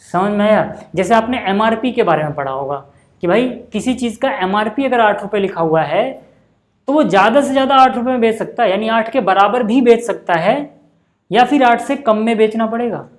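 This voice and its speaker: A man's voice: high-pitched, lively intonation. Male maths tutor, patient and repetitive, checks in constantly with rhetorical questions. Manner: patient, repeats examples slowly. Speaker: maths teacher. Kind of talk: whiteboard maths lesson.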